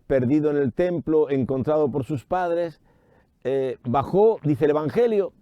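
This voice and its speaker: A priest giving an animated radio sermon, raising his voice for emphasis and voicing imagined doubters higher. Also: no echo, highs cut off. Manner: animated preaching with rising emphasis. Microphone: studio microphone.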